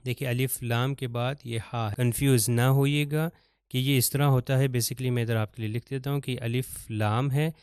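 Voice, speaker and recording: Male recitation teacher, patient explainer, resonant clear tone, dry close-miked sound. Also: medium pitch, steady tone, darkish tone, no echo. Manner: explains patiently, slows to chant Arabic examples. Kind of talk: step-by-step recitation lesson.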